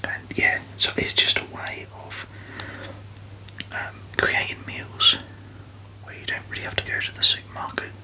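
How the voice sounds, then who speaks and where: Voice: moderate pace, bright, forceful tone, rough recording. Tingly whispered ASMR voice with mouth sounds. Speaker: ASMR video host. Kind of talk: whispered ASMR product review.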